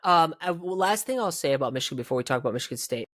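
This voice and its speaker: A man's voice: fairly high pitch, expressive, racing, a bit bright, dry recording, studio quality. A man co-hosting a sports podcast, giving emphatic, opinionated takes with frequent restarts. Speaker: podcast co-host. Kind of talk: casual sports podcast chat.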